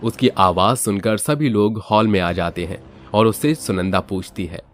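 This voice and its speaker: Low-voiced man narrating a moral story. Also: moderate pace, slight background noise.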